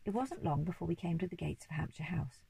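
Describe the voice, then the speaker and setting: A woman reading a children's storybook aloud in an expressive, lively way. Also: fairly low pitch, fast, creaky, breathy edge, low-quality recording. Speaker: reader.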